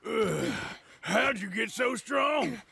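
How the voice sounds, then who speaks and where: Overprotective cartoon beach creature: silly, fussy, slow high voice. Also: male voice, animated, vocal fry, pushed and bright, a little hiss or hum, heavily acted. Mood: fussy, eager.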